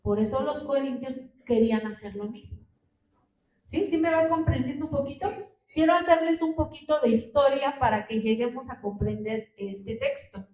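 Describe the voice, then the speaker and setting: A woman's voice: sits high, normal speed, darkish tone. A woman preaching a sermon in a church, often asking the congregation rhetorical questions. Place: church hall. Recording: roomy hall, distant mic.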